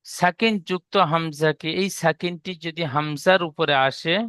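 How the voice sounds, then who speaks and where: Male Quran reading tutor with a Bengali accent. Bright, crisp voice, dry close sound. Patient, step-by-step drills. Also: fairly high pitch, steady tone, normal speed, dry recording. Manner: explains step by step, has students repeat the rules aloud. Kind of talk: slow recitation lesson with repetition.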